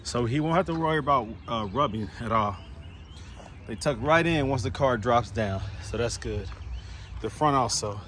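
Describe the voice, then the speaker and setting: A man narrating a casual workshop vlog, relaxed and enthusiastic, often repeating his praise with exclamations. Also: medium pitch, normal speed. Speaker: auto shop owner. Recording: noisy background.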